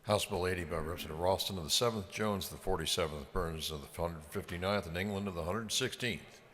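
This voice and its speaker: Very deep-voiced male clerk in echoing hall. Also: quick pace, a bit bright. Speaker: legislative clerk. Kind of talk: formal reading of a bill caption. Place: large legislative chamber. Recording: echoey hall with faint noise.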